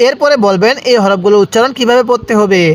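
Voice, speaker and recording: A Bangladeshi man gives a step-by-step Quran recitation lesson in an extremely high, quick voice. He spells out the letters and vowel marks, draws out the long syllables, and has the listener repeat after him.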